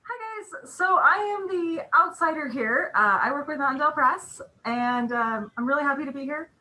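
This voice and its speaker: A woman with a bright, slightly high voice, chatty and a little nervous. She is an author on a video call. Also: expressive, normal speed, rough recording. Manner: nervous, chatty, self-deprecating. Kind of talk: casual intro and book reading. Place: home room, video call.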